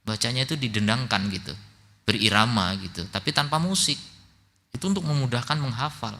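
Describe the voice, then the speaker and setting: A man's voice: medium pitch, animated, a little fast, pushed and bright. A man teaching a religious study lecture, telling stories in a conversational way, reciting Arabic passages and then translating them. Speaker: Islamic teacher (ustadz).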